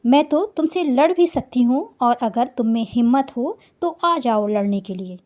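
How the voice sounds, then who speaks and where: A woman's voice: on the high side, expressive, moderate pace, darkish tone, lightly acted. A woman voicing a boastful, cheeky female fly who scolds and dares a lion in a storybook tale. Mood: defiant. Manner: scolding, mocking, then daring.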